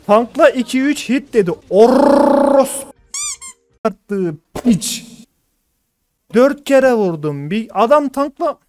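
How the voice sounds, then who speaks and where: A man's voice: extremely high pitch, animated, takes it slowly, pauses often, a little mellow, dry recording. A man streaming a game, ranting in exasperation and swearing as he reads out his teammates' chat. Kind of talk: live gaming commentary.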